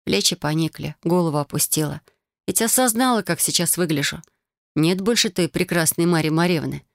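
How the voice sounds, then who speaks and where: Low-voiced woman narrating a fantasy audiobook. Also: a little fast, gravelly, no echo, clean studio sound. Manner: expressive, emotional storytelling.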